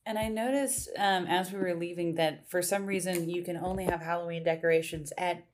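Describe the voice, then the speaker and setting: A woman's voice: on the low side, steady tone, fairly quick, a little hiss or hum. A woman guest comedian in casual chat, rambling with dry jokes.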